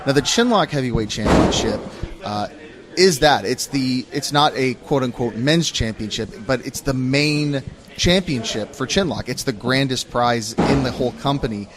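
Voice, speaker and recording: A man's voice: mid-range voice, moderate pace. Friendly man interviewer over crowd noise. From Canada. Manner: friendly, rambling questions with fillers. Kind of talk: interview questions.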